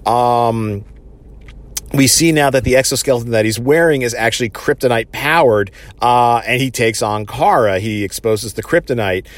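A man's voice: medium pitch, normal speed, dry recording. A man casually recapping a TV episode, rambling along with many fillers like "you know" and "uh". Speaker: TV episode reviewer.

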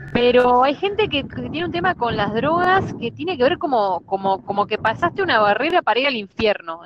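A woman's voice: on the high side, slight background noise. A woman with a Rioplatense accent, chatting casually as a podcast co-host and retelling stories with acted-out quotes and slang. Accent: Rioplatense Spanish. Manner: animated storyteller, acts out quotes, slangy. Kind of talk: casual chat. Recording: dull lo-fi sound.

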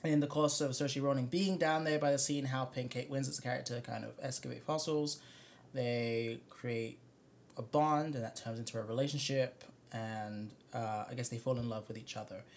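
A man's voice: mid-range voice, steady tone, normal speed, vocal fry, a little hiss or hum. A young man hosting a podcast in casual chat, summarizing loosely and hedging with many fillers. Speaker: podcast host.

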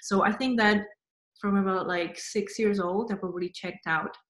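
A woman guest in a casual spiritual interview, rambling with many "like" fillers and soft laughs. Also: medium pitch, steady tone, normal speed. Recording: roomy echo.

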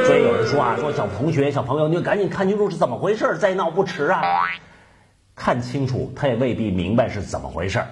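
A male talk show host delivers a satirical commentary monologue with mocking, chuckling asides. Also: on the high side. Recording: loud background noise.

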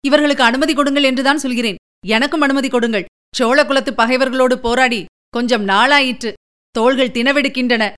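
A woman reading the part of a bold young male warrior envoy, fast and indignant in an audiobook story. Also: high voice, fairly even intonation, a bit bright. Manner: quick, indignant, demanding.

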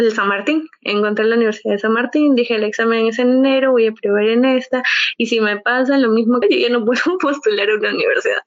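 Young woman telling a lively story. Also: on the high side, no echo. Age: young adult. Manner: animated storytelling, reliving moments with shouts and laughter. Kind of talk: casual chat. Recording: dull lo-fi sound, dry.

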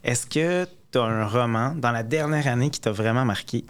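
A man's voice: medium pitch, normal speed, clean tone. A man with a middle-range voice and a Quebec French accent. He speaks casually as a co-host, putting questions to the others in an informal conversation. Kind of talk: casual chat.

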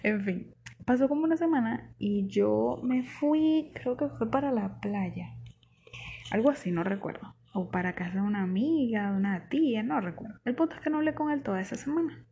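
Young Venezuelan woman vlogger, mellow warm voice, faint noise behind, casual slangy storytelling. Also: on the high side, moderate pace, creaky, highs cut off. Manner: chatty, animated, slangy, laughs often.

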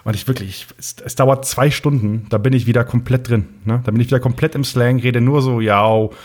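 Fast-talking North German man. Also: medium pitch, steady tone, a little mellow. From East Frisia, Germany. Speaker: podcast co-host. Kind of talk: casual anecdotal podcast chat.

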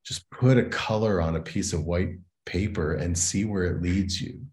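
A man's voice: deep voice, moderate pace, darkish tone. A man talking as an educator and consultant in an interview, earnest and reflective, often checking in with "right?". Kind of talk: interview conversation.

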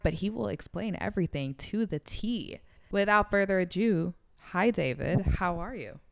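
Upbeat woman host, smooth and lower-pitched, recorded dry. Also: lively intonation, moderate pace, dry recording. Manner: upbeat, lots of listening affirmations. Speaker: podcast host. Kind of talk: casual podcast interview. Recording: dry close sound.

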